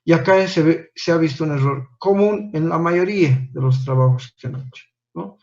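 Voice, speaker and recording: A man's voice: on the high side, moderate pace, a little mellow, lo-fi sound. A man teaching an English class online, patiently correcting homework and checking in with "¿no?" after each point.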